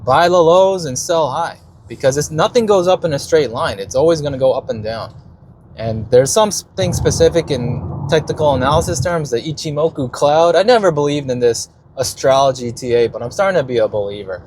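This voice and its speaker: Male, slightly high voice, brash profane crypto-bro, unscripted casual market vlogger, noisy vehicle-like background. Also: a little fast. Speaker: retail investor and stock market video host.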